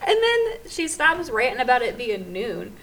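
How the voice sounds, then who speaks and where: A woman's voice: on the high side, very animated, normal speed, a bit bright. A young adult woman co-hosting a podcast, chatting casually and quoting people in character as she tells stories. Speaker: podcast co-host. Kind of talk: casual chat.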